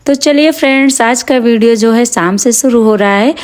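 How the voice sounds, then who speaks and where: A woman's voice: on the high side, moderate pace. A middle-aged woman vlogger narrating her day in a casual, chatty way, addressing viewers as friends. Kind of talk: casual vlog narration over home footage.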